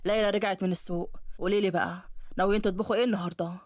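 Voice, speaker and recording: A woman's voice: medium pitch, fairly even intonation, very fast, darkish tone, no room sound, clean studio sound, pitched below the performer's own voice, lightly acted. A woman voicing a pushy, threatening young man who courts a girl against her will, with an Egyptian accent. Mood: menacing. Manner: boastful and threatening. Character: pushy menacing young man, possessive suitor.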